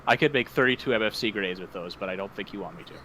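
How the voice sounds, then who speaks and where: A man's voice: lowish voice, racing, bright, forceful tone, a little hiss or hum, low-quality recording. A man playing a tabletop game, talking through plans in a methodical way. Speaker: player.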